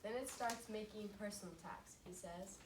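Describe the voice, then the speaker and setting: A woman's voice: mid-range voice, a little fast, noisy background. Jokey woman narrating a class presentation. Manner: lively, jokey storytelling. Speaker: student presenter. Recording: echoey room, distant mic, music.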